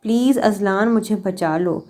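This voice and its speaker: A woman's voice: medium pitch, a little mellow, natural voice. A woman voicing a terrified young wife who pleads through tears. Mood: crying, pleading. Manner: pleading, desperate. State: crying.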